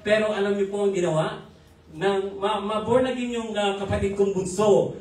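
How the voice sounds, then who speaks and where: A man's voice: high voice, fairly even intonation, moderate pace, darkish tone. Filipino-accented male pastor, chuckling testimony preacher, recorded from afar in a reverberant church hall. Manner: switches between Filipino and English, chuckles often. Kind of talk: testimony sermon. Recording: echoey hall from far off.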